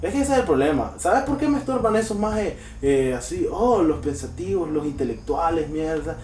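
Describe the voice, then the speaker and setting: A young man, co-hosting a casual podcast in a crude, sarcastic, animated way. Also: fairly high pitch, moderate pace, reverberant, distant mic, soft background music. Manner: crude, sarcastic and animated, slips into mocking voices. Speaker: podcast co-host.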